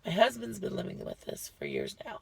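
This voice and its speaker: A woman talks to her viewers in a loose, chatty way, circling back and correcting herself as she goes. Her voice is heavily gravelly and husky, with a slight shortness of breath. The sound is close and dry. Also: lowish voice, huge pitch swings, brisk, no echo. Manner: chatty, rambling, self-correcting. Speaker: lifestyle vlogger. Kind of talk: casual health update to viewers.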